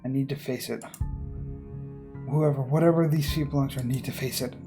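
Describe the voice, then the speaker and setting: With a mid-range voice and fairly even intonation, a gaming video host speaks a little fast. He performs visual novel text dramatically, mixing in casual commentary and occasional slips while game music plays.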